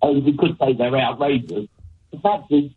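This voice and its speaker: A man calling into a radio phone-in on speakerphone, with the phone held away from his mouth. He sounds hesitant and fills his pauses with um. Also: mid-range voice, breathy edge. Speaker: caller. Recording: distant, tinny phone line.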